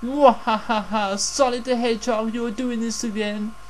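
A man voicing a boastful mad-scientist game villain with slow, theatrical menace and a cackle. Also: high-pitched, fairly even intonation, a little hiss or hum, lightly acted. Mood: gloating menace.

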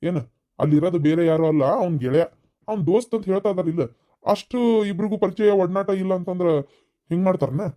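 A man voicing a patient father-in-law in a cartoon, with a North Karnataka accent and a calm, soothing way of reasoning. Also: high-pitched, fast, close to an everyday voice. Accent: North Karnataka Kannada.

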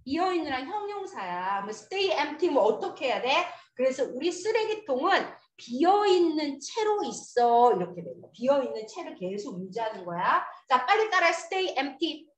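Woman teacher, high voice, lively up-and-down delivery, quizzing students, echoey classroom. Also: normal speed, hardly any pauses. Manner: lively, coaxing, drills students with questions. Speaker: English teacher. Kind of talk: classroom lesson.

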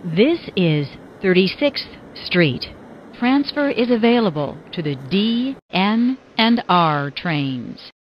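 Slow woman over a train loudspeaker. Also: mid-range voice, big pitch swings, slight background noise. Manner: measured, evenly spaced phrasing. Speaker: recorded train announcer. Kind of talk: automated transit announcements. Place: inside a subway car. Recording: muffled train speaker audio.

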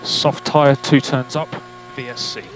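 A male race engineer speaks over race car radio in a mid-pitched voice. He gives clipped, matter-of-fact instructions and updates, often repeating key figures through the team radio link. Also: steady tone, unhurried, over music, poor audio. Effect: team radio transmission.

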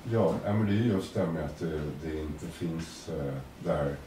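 A man moderating a public artist talk, hesitant and mostly offering agreeing murmurs. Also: rumbling low. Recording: roomy, distant mic, faint noise.

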